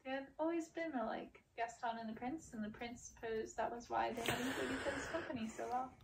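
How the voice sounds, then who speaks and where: A woman with a rather high voice reads a fairy-tale novel aloud at a fairly quick pace, audiobook-style. The mic is distant, and background noise is clearly audible.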